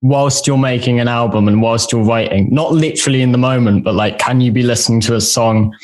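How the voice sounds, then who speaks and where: A male host asks a guest questions in a chatty, curious way. His voice sits at a mid pitch, and he talks casually, with loose fillers. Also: fairly even intonation, a little fast, darkish tone. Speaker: radio show host.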